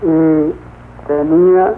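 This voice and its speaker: Male witness, plain halting retelling, thin lo-fi film sound. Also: on the high side, fairly even intonation. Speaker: witness recounting events. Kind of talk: spoken testimony. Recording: tinny lo-fi old film sound.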